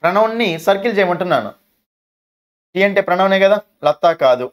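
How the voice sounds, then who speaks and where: A man's voice: high voice, animated, moderate pace. A man with a Telugu accent teaching an English grammar lesson, asking questions and answering them himself. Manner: asks questions and answers them himself, calls students "nanna".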